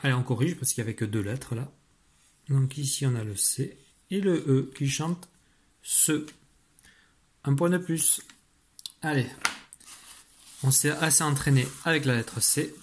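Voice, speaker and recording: Over a noisy background, this man speaks in a mid-range voice at a moderate pace, pausing often. He's a primary school teacher giving a patient spelling dictation, talking to the pupil and walking through it step by step.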